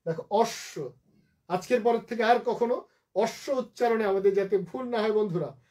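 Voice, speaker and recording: Warm-voiced male teacher. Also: sits high. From Bangladesh. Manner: patient, repeats words slowly to drill pronunciation. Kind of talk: live online lesson.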